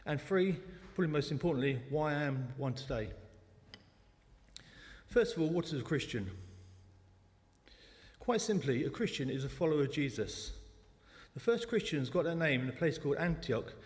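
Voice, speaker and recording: A lay speaker in his forties from South London, England, tells his personal testimony at church with a chatty, self-deprecating manner and a South London accent. His slightly high voice is animated and moderately paced, broken by long pauses, with long church hall reverb.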